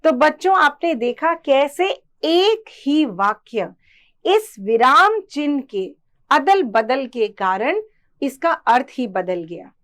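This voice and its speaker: Female teacher for a kids' grammar class: slow, patient, very animated pitch. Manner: patient, explains slowly with examples and questions to the class. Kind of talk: grammar lesson for children.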